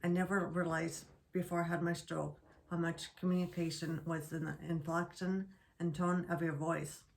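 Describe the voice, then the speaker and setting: A woman with a low, gravelly voice reads her prepared remarks slowly. Her speech halts and restarts words, and her tone stays flat and even throughout. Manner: slow halting speech with restarts. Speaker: guest sharing stroke recovery.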